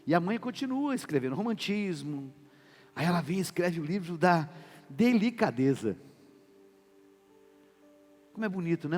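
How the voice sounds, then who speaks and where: Pastor guy preaching, lively up-and-down voice, echoey church hall. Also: fairly high pitch. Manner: animated preaching, acts out quoted wife and husband voices. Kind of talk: sermon. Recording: reverberant church hall with music behind.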